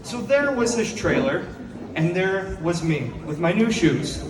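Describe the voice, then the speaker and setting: A man's voice: sits high, sing-song, unhurried, background noise. A young man performing a stand-up set on a coffee shop stage, telling self-deprecating stories and laughing at his own jokes. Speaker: stand-up comedian. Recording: echoey coffee shop from far off. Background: audience laughing.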